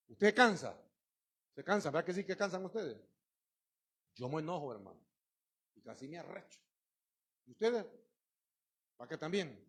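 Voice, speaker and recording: A middle-aged man preaching a sermon, emphatic and swinging between loud outbursts and hushed asides. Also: fairly high pitch, gravelly, slightly rough.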